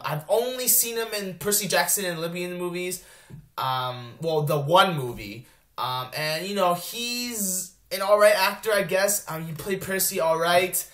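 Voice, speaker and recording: A man's voice: on the high side, fairly bright tone, roomy sound. A young man casually reviewing a movie trailer for his vlog, rambling with many filler words and restarts. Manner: rambling, lots of ums and restarts. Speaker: movie vlogger.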